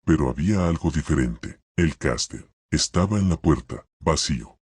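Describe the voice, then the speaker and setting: A man narrating a scary story in a slow, measured way. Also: extremely low pitch, lively intonation, darkish tone, breathy edge, no room sound, clean studio sound. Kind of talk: scripted horror narration.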